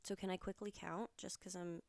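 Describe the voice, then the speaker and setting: A woman's voice: on the low side, flat delivery, brisk, vocal fry, darkish tone. A woman hosting her own podcast alone, chatting casually in a rambling, candid way with some swearing. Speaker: podcast host. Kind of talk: casual solo podcast chat.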